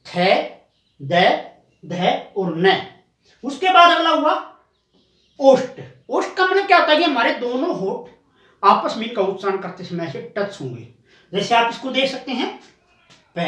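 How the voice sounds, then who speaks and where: A man's voice: sits high, a bit bright, echoey room, far from the mic. A male coaching teacher giving a classroom lesson, patiently explaining step by step and sounding out items one by one.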